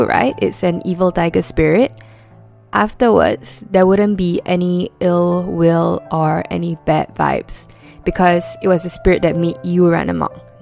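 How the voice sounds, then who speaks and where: Female podcast host, chatty true-crime narration, gravelly vocal fry, faint music. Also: on the low side, darkish tone. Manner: chatty, with rhetorical questions and asides. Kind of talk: conversational true-crime storytelling.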